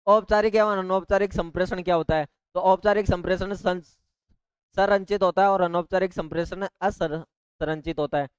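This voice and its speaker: A male tutor runs through exam points, checking in with rhetorical questions and little asides. His voice sits high and sounds smooth and clear. The recording is dry and slightly muffled. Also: fairly even intonation, normal speed, no room sound. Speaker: teacher. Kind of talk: exam-prep lecture.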